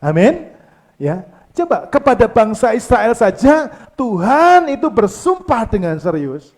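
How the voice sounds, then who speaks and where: Male pastor, high voice, wildly varied delivery, lively sermon with shouts dropping to soft asides. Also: unhurried. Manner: calls out to the congregation and leads them in reading aloud; swings from loud exclamations to soft low asides.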